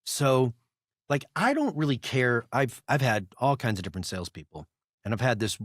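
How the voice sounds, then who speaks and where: A man's voice: mid-range voice, sing-song, normal speed, no room sound, clean studio sound. A man hosting a podcast in casual talk, blunt and emphatic, with frequent swearing. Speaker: podcast host, business owner. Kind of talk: casual conversation.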